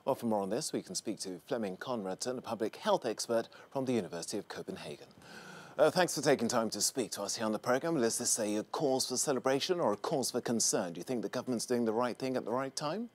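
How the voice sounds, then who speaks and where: A man presenting the news from a large newsroom studio, asking a remote guest formal, steady questions. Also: medium pitch, fast talker.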